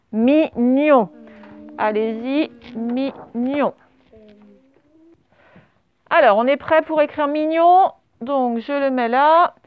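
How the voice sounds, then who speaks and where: A woman teaching a primary school class, correcting a dictation and spelling words out letter by letter with patient pauses. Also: sits high. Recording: dull lo-fi sound.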